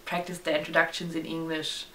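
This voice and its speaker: A woman's voice: low-pitched, flat delivery, a bit bright. A young woman, agreeing and gushing as a vlog co-host about a concert. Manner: agreeable, gushing, many quick yeses. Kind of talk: casual chat reviewing a concert. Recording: roomy, distant mic, faint noise.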